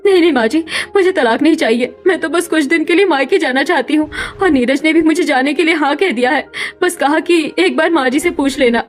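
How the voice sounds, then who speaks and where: A woman voicing a meek, mistreated young village wife in a cartoon story, gentle and pleading. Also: high voice, fairly quick, close to an everyday voice.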